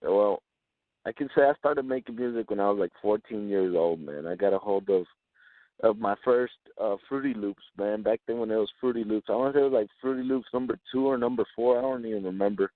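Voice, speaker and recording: Speaking fairly quickly in a fairly low voice, a rapper in his twenties gives a casual, chatty interview in slang-heavy English, often saying "man" and "you know what I'm saying." Born in Chihuahua, Mexico, he speaks Spanish natively and lives in West Texas. The sound is dry, narrow and tinny.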